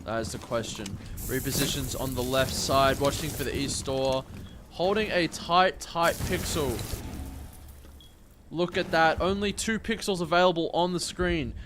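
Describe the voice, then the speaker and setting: A man doing esports play-by-play commentary on a shooter match, in a caster's manner that moves between tense build-up and excited calls. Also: on the high side, a little slow, noisy background.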